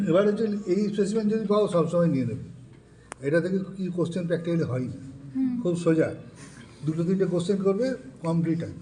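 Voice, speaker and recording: A man's voice: on the high side, warm tone. A man teaching students about pathology specimens in an informal session, explaining step by step and often checking that they follow. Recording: distant mic with faint background noise.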